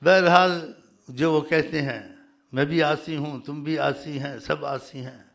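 A man speaking as a spiritual leader in a religious talk to his followers, scolding and emphatic, often growing loud and fiery. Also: fairly high pitch, fairly even intonation, vocal fry.

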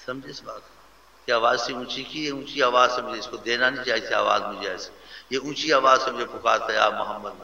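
A man preaching a sermon in an earnest way, swinging between loud and hushed delivery, with a gravelly voice. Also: medium pitch, fairly even intonation. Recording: echoey hall, dull lo-fi sound.

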